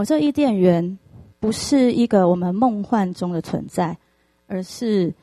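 Animated woman preacher telling a story. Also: mid-range voice, no room sound. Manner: animated storytelling with frequent fillers. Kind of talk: sermon with storytelling.

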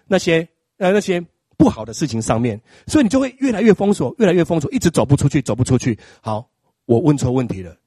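A middle-aged man preaching a sermon, acting out little scenes in an animated way. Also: fairly high pitch, husky, no room sound, studio quality. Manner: animated, acts out scenes with exaggerated crying.

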